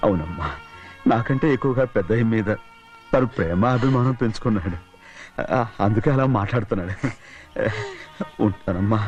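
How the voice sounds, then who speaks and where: A man's voice: fairly low pitch, fairly quick, long pauses, darkish tone, lo-fi sound, soft background music, lightly acted. An actor playing a poor, weary laborer father who speaks humbly and with resignation. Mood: resigned. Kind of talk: film dialogue.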